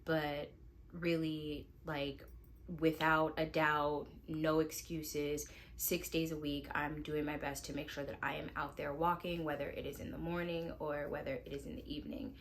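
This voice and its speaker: Low-pitched woman, 30s, mom vlogger, relaxed chatty delivery at home. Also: moderate pace, a little hiss or hum. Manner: relaxed, chatty, lots of "like" fillers. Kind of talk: casual vlog chat to camera. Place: at home indoors.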